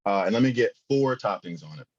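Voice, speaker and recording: A man's voice: lowish voice, lively intonation, quick pace, dull audio. A man putting on a Philadelphia accent to play a brash male pizza customer placing a demanding order.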